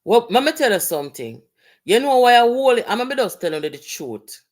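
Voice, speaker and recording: A co-host with a Jamaican accent who talks in patois, animated and exclamatory, often laughing in a casual discussion. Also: mid-range voice, fairly quick. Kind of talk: casual talk-show discussion.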